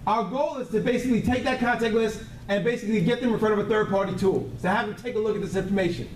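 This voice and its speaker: The sales trainer's voice is high-pitched and a little mellow, and he talks fast through his blunt, emphatic motivational seminar. Repeating key words and often checking that his live audience follows, he's recorded from a distance in an echoey indoor room with faint noise.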